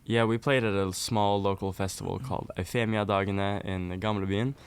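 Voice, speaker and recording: A young man from Norway talks in a relaxed, chatty way as a guest on an interview podcast. His voice sits fairly low and sounds smooth and resonant. He laughs easily between answers. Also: moderate pace. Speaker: guest musician. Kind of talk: casual interview.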